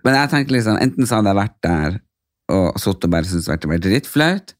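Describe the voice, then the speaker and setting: A man's voice: lowish voice, expressive, no echo. A man co-hosting a podcast, chatting casually with short incredulous reactions on a close mic. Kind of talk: casual chat.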